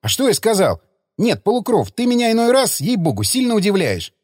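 A man voicing a brash, hot-tempered young man who bickers loudly and mocks the others, in an audiobook. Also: high voice, huge pitch swings, no room sound, studio quality, pitched above the performer's own voice, full character voice. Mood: indignant. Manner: loud, mocking and quick to bicker.

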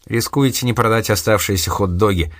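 A man's voice: lowish voice, brisk, no echo, studio quality, natural voice. A man reading an audiobook, voicing a sincere, naive young man who has lost his memory, speaking hesitantly. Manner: hesitant, earnest.

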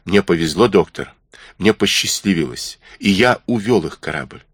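A man's voice: low voice, animated, normal speed, slightly rough, dry recording, clean studio sound. A man voicing an honest, frightened teenage cabin boy in an audiobook, earnest and pleading. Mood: resolute.

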